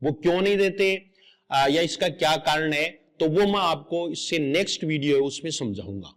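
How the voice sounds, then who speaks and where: A man's voice: fairly high pitch, expressive, normal speed, a bit bright. A middle-aged man teaching exam grammar in a patient lecture, explaining step by step and repeating each correct word aloud.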